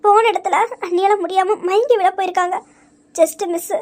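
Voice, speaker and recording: A woman voicing a young woman in an audio story who comforts a crying friend, gently but firmly pointing out her mistakes. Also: extremely high pitch, fairly even intonation, normal speed. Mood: consoling. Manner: gentle but firm, reasoning and reproaching.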